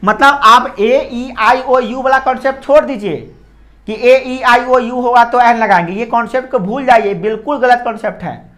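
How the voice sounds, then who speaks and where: A man's voice: extremely high pitch, moderate pace, fairly bright tone. Male teacher explaining grammar in class. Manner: repeats points and checks understanding often.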